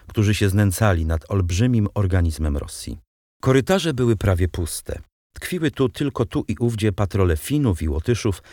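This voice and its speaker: A man narrating an audiobook chapter in a measured, steady storytelling voice. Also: on the low side, dry recording, studio quality.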